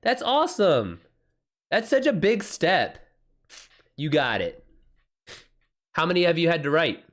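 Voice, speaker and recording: An American man hosts a livestream, chatting informally, using slang and reacting out loud to viewer comments. He's also a self-published author. His voice is a little high and sing-song, and he keeps a measured pace.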